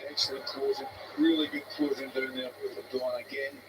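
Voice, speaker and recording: A man giving measured, analytical live football commentary, heard through noisy broadcast audio. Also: medium pitch, very animated.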